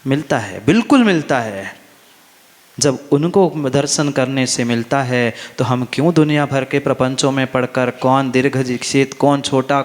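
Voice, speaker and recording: A man preaching a sermon as a monk, emphatic, repeating phrases and asking his listeners questions. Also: mid-range voice. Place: large hall at a religious festival. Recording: long reverb of a large hall.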